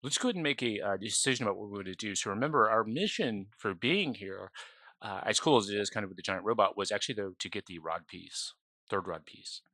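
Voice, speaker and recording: A man's voice: lowish voice, animated, quick pace, bright, forceful tone, dry recording. A man running an online tabletop game as game master, talking loosely with many ums and uhs.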